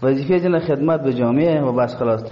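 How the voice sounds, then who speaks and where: A man's voice: mid-range voice, over loud music. A man with an Afghan accent, a caller making an aggrieved, emphatic spoken complaint. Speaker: radio caller, teacher. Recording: dull sound with long reverb.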